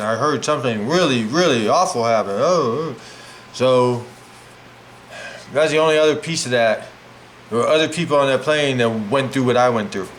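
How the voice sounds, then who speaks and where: A man's voice: mid-range voice, a little hiss or hum. A middle-aged man rambling casually through a personal story, full of "like" fillers, talking while he prepares food at home. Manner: rambling, animated, many "like" fillers.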